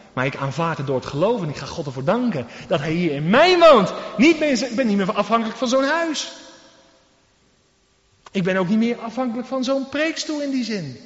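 Male preacher, high and lively delivery, emphatic sermon with rhetorical questions; echoey church hall with long reverb. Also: dull audio.

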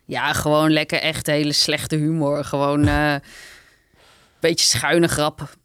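A woman's voice: low voice, level tone, slow, fairly bright tone, clean tone, no room sound, studio quality. A woman chatting as a guest about her time as a contestant, agreeing often with short yeses. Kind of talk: casual chat.

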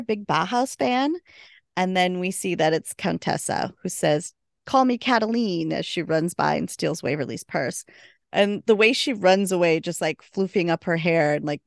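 A woman co-hosting a podcast, casually recapping a TV episode and acting out the characters' lines with big jumps in pitch. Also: vocal fry, no echo, clean studio sound.

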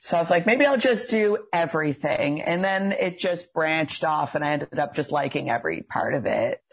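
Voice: mid-range voice, expressive, normal speed, gravelly, slightly rough. A young adult esthetician from Cape Breton with a Canadian accent, chatting casually as an interview guest in a female-sounding voice. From Cape Breton, Nova Scotia, Canada. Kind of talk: casual chat.

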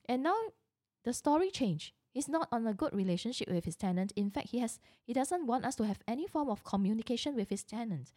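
A woman's voice: on the high side, expressive, a little fast, dark tone, no echo, studio quality. A middle-aged woman, a real estate agent, telling a personal work story in an earnest way, often restarting and correcting herself.

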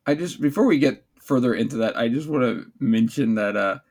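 A man with a husky, slightly rough voice chats as a co-host. He gives casual, rambling, jokey commentary, often restarting his thoughts. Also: mid-range voice, fairly quick, a little mellow.

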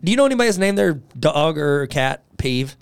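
Teasing podcast co-host with a smooth voice. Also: male voice, fairly high pitch, sing-song, no room sound. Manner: joking, teasing, quick banter. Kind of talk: casual chat.

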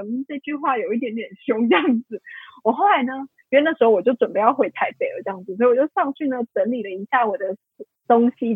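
A woman's voice: a little high, breathy edge, dry recording. A woman, a podcast guest telling a personal story candidly, rambling with many fillers and self-corrections. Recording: tinny phone-like line, dry.

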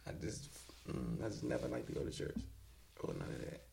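A man's voice: medium pitch, very animated, fairly quick, gravelly, dark tone. A man around thirty chatting casually and bluntly as a podcast guest, in slangy, profane, bro-like talk. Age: about 30.

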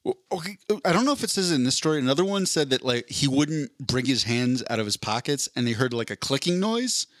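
A man co-hosting a podcast in casual chat, animated and laughing as he riffs on stories. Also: medium pitch, a little fast, few pauses, dry recording, studio quality. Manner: animated, laughs, acts out quotes. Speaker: podcast co-host.

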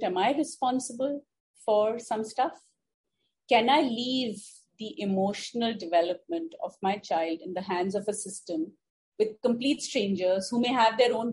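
A woman's voice: medium pitch, a little mellow, low-quality recording. A middle-aged woman with an educated, posh Indian English accent, speaking reflectively and emphatically in an interview, articulate and repeating words for stress. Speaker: interview guest, parent. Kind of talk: conversational interview answer, personal reflection.

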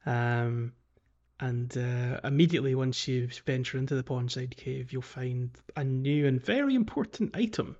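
A man with a mid-pitched voice hosts a gaming podcast in casual conversation. He speaks haltingly, restarting phrases and letting some trail off, in a darkish tone with the highs cut off.

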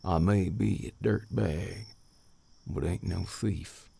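A man voicing Maddox, a sly, easygoing young male drifter, in a raspy, gravelly voice. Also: sits low, steady tone, slow pace, warm tone, no echo, pitched above the performer's own voice, full character voice. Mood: wheedling.

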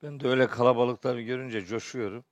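A man giving a religious lecture as a teacher, his voice hoarse and strained, phrasing deliberately with pauses. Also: mid-range voice, steady tone, dry recording, lo-fi sound. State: hoarse from shouting the day before, clearing his throat often. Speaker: Quran teacher and preacher. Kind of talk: spoken religious lecture with verse commentary.

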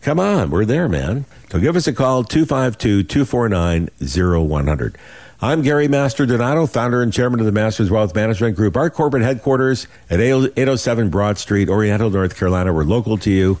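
A man in his sixties hosting a financial radio show, making an urgent, folksy, emphatic sales pitch and repeating himself. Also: animated, fast talker, hardly any pauses, a little mellow, dry recording. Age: 60s.

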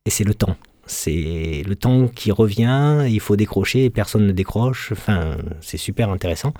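A man from Marseille, guest on an interview as a sound engineer. His voice is low and mellow, and the recording is close and dry. He talks with passion but stops and restarts often. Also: animated, no room sound. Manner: passionate, halting.

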